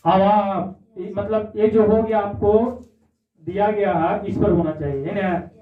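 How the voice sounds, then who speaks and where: A man's voice: high-pitched, unhurried. Male teacher, echoey and tinny. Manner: repetitive, checks in with "है ना?". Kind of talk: classroom lesson. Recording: echoey, far-off, phone-like audio.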